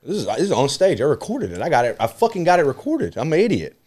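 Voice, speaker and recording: A male comedian hosting a podcast, telling a profane story in a loose, animated, casual way. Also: a little high, fast talker, noisy background.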